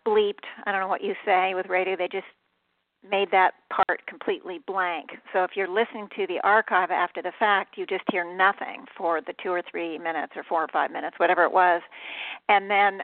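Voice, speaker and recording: A woman's voice: mid-range voice, dry recording. A woman radio host talking over the phone in a chatty, rambling way, often correcting herself. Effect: calling in over the phone. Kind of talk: casual spoken monologue. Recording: tinny dry phone line.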